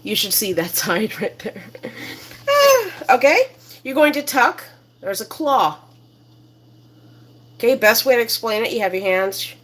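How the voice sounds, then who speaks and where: A woman's voice: medium pitch, lively intonation, normal speed, pauses often, a bit bright. A woman hosting a casual cooking demonstration in her home kitchen, chatty and rambling with many fillers. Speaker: cooking show host.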